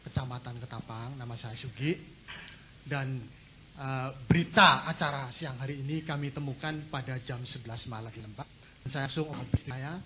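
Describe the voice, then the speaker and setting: A man's voice: mid-range voice, lo-fi sound. A man from Madura in the audience asking a question, hesitant and full of filler sounds, in long wordy sentences. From Madura, Indonesia. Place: hall with an audience.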